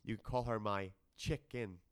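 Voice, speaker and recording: A man co-hosting a podcast in casual pun banter, excitable and laughing, with sudden jumps up in pitch. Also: moderate pace, clear, resonant tone. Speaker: podcast co-host. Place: dining room.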